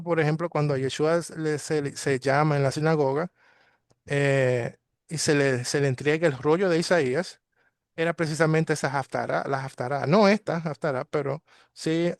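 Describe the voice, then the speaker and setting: A man's voice: fairly high pitch, no echo, studio quality. Hesitant man teaching a Torah study. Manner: hesitant, many fillers and restarts. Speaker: congregation teacher. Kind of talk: daily Torah study talk.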